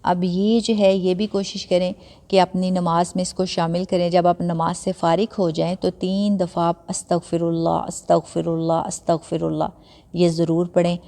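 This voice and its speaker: A woman teaches prayer recitation in a patient, conversational way, slowing to sound out syllables one by one. Her voice sits a little low, with a dark, mellow tone. A long reverb trails behind her words. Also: flat delivery. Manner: conversational, mixes in English words. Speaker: religious teacher. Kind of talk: step-by-step prayer lesson.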